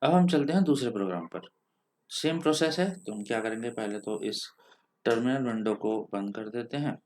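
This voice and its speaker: A man's voice: medium pitch, expressive, a little fast, darkish tone, slight background noise. A man with an Indian accent teaching programming step by step in a screen-recorded coding tutorial. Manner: patient step-by-step explaining, mixes English terms.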